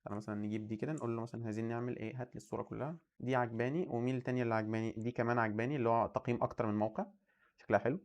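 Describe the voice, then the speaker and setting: A man's voice: medium pitch, fairly even intonation, racing, darkish tone. A young man in his twenties with an Egyptian Arabic accent, the host of a coding channel, chatting casually and thinking aloud as he browses and comments on what he sees. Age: 20s. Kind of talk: casual screen-share commentary.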